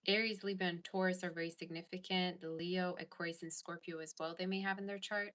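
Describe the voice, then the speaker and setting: A woman with a fairly low, fairly bright voice delivers a casual tarot reading in a flat, brisk manner. Chatting with viewers, she reads live chat aloud and answers their comments.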